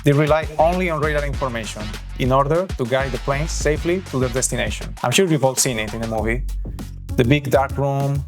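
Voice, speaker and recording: A man from Spain with a Spanish accent and a mid-range voice presents an explainer, narrating in an instructional, lightly scripted way at a slightly fast pace. Music is clearly audible behind him.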